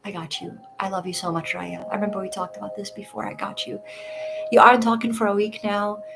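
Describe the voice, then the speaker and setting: A woman's voice: medium pitch, little pitch movement, a little fast, vocal fry. Egyptian-born woman reading tarot over music. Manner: warm, reassuring, addresses viewers as dear. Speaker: tarot reader. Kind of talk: casual livestream chat.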